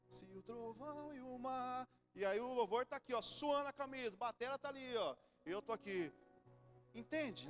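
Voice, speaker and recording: A man in his forties with a Brazilian accent, preaching a sermon in church, animated and then suddenly soft and low. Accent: Brazilian Portuguese. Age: 40s. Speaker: pastor.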